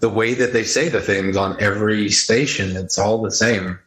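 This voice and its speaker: A man's voice: lowish voice, fairly even intonation, moderate pace, fairly bright tone, roomy sound, slight background noise, low-quality recording. A man hosting a casual podcast conversation, talking in a rambling, inquisitive, speculative way. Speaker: podcast host.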